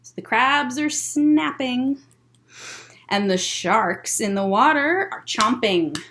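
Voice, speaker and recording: A woman hosts a story time for young children, talking and reading aloud in an encouraging, animated way with simple, child-directed phrasing. Her voice is fairly high and she takes it slowly.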